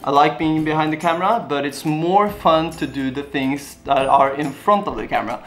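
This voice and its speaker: This young Norwegian-accented man has a fairly high, fairly bright voice and speaks at normal speed. As a YouTuber doing a casual Q&A to camera, he responds to viewer questions in an earnest, rambling way with simple phrasing.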